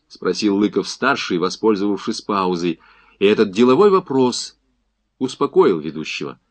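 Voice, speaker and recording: Expressive male audiobook narrator. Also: fairly low pitch, no echo. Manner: expressive, measured storytelling.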